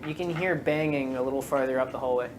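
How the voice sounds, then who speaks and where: A man running a tabletop game as game master, narrating scenes calmly and calling for checks. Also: medium pitch, quick pace, background noise. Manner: calm, descriptive narration.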